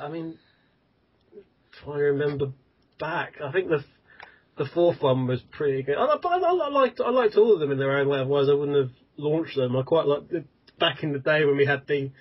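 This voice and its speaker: Man guest stumbling over his words, kinda raspy, dull audio. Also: fairly high pitch. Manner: hesitant, repeats words. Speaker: website founder, guest. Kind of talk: casual group interview.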